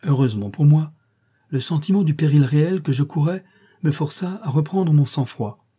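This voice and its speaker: Husky-voiced man reading a classic story. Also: fairly high pitch, mellow. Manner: measured, literary first-person reading. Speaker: audiobook reader. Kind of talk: scripted narration of a classic short story.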